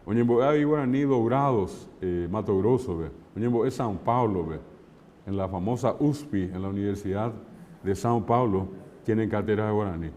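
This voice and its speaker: A man from Paraguay giving an unhurried online lecture as a language teacher, often slipping in Guaraní phrases and checking in with "¿verdad?". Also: on the low side, warm tone, long reverb tail, slight background noise. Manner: unhurried, lists places, mixes in Guaraní phrases, asks "¿verdad?".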